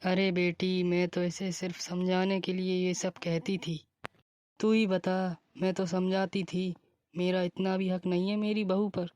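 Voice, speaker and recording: A woman's voice: lowish voice, measured pace, dry recording, close to an everyday voice. A woman playing a worried old mother-in-law. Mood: pleading. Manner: pleading, flat even delivery. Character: worried older mother-in-law, anxious, pleading. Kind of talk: cartoon voice acting.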